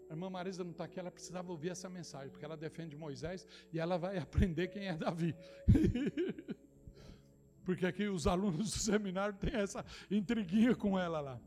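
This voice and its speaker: A middle-aged Brazilian pastor from São Paulo preaching a sermon, moving between quiet, close asides and shouted declarations, repeating phrases straight to the congregation. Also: male voice, brisk, soft background music. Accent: Brazilian Portuguese, São Paulo. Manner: impassioned preaching that swings from low, intimate asides to shouted declarations.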